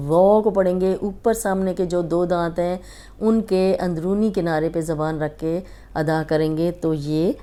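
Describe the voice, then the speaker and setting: A woman with a Pakistani Urdu accent teaching tajweed in a slow lesson, patiently repeating and stretching each letter sound. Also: fairly low pitch, warm tone. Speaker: Quran reading teacher.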